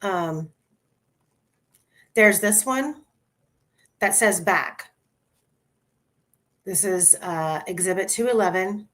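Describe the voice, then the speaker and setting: A woman on a video call who shares her screen and calls out photos one by one, methodical and steady. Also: mid-range voice, slow, long pauses. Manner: methodical, talks through images one by one. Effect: voice heard over a video call. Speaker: host presenting trial photos by screen share. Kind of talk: casual online discussion. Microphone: computer mic on a video call.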